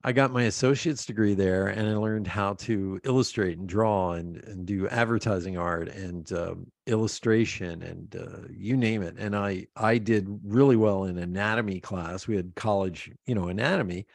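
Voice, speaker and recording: A man's voice: lowish voice, moderate pace, creaky, few pauses, dry recording. A middle-aged man from Pennsylvania, a podcast guest telling rambling stories about his life and laughing often. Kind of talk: casual interview chat.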